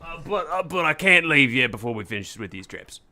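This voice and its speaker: A man puts on a fervent male cryptozoologist from a video game, stubborn and emphatic. His delivery is fairly high and sharply forceful, declaiming each point. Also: very animated, a little slow, exaggerated voice. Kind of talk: game dialogue read aloud.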